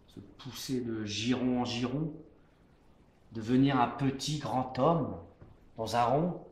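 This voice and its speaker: A man playing a proud, defiant poet-swordsman, declaiming a classical French stage verse monologue in a hammy stage-actor manner that moves between hushed and booming. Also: close to an everyday voice. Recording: roomy echo, faint background noise.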